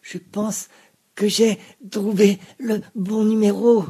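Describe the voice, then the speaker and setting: A man doing a hoarse, smitten bumbler. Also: high-pitched, flat delivery, slow, warm tone, voice pushed up, exaggerated voice. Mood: flirty.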